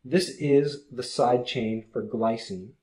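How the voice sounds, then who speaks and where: A man's voice: medium pitch, slow pace, mellow. Man explaining step by step. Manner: explains step by step, patient and plain, with small restarts. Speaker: chemistry teacher. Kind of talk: recorded video lecture.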